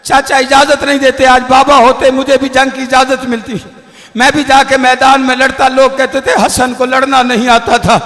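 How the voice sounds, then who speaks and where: A man's voice: very high-pitched, monotone, moderate pace. A preacher voicing an orphan boy pleading to fight. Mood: tearful pleading. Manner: impassioned shouted pleading. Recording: reverberant live hall.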